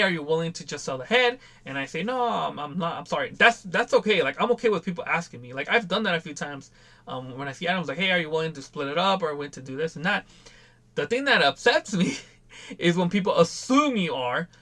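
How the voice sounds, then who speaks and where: A man's voice: a little high, sharp tone. A young man venting in a casual vlog about difficult buyers, acting out their lines in quoted voices. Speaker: toy seller and channel host.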